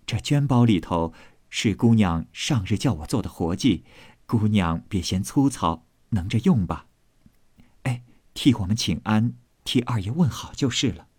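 A man reading aloud voices a composed, practical senior maid who gives steady instructions and scolds gently, in a storybook reading. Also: lowish voice, unhurried, slightly rough, dry recording, studio quality. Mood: calm instruction.

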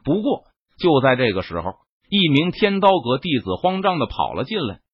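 Male audiobook narrator, dramatic and animated, husky tone, dry muffled recording. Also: medium pitch, moderate pace, dry recording. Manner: expressive storytelling. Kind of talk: dramatic web novel narration.

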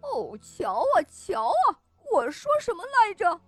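A woman's voice: wildly swooping pitch, a little slow, a bit bright, no echo, faint music behind, heavily acted. A woman voicing a smug, squawking know-it-all parrot in a children's story. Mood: gloating. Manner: shrill, squawky, gloating. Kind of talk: storybook reading.

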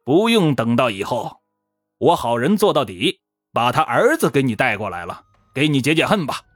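A man's voice: medium pitch, sing-song, normal speed, no room sound, clean studio sound, voice pushed down. A man voicing a smug, scheming male warlord in a storytelling show, with a teasing tone.

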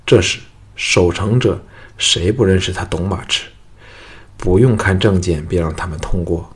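Audiobook narrator, male, low and slightly husky, steady storytelling delivery. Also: measured pace.

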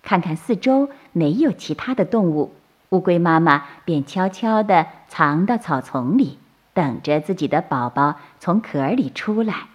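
A woman storyteller reading a bedtime tale for children, slow and soothing. Her voice moves expressively up and down, carrying the story gently toward sleep. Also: fairly low pitch, expressive.

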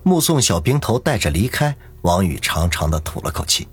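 Husky male storyteller, lively delivery, audiobook narration. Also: low-pitched, moderate pace. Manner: dramatic storytelling. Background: faint music.

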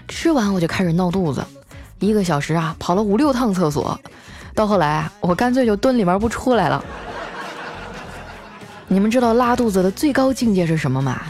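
A woman hosting a show, telling comic stories about her life in a chatty way, with lots of drawn-out filler particles. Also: on the low side, darkish tone. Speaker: host. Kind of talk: scripted comic storytelling.

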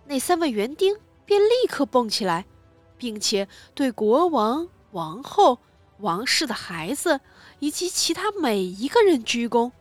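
A woman narrating a children's story aloud in an expressive reading voice. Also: high voice, no echo, soft background music. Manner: slow, expressive, lively storytelling.

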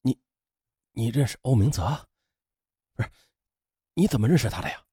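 A man voicing a laid-off husband who is humiliated and simmering with anger, speaking low and quiet. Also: expressive, normal speed, husky, no echo, studio quality. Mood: stunned.

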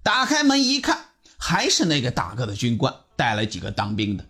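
A man telling a story in an animated, dramatic way and voicing all of its characters. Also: medium pitch, fairly quick, breathy edge. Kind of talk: storytelling narration.

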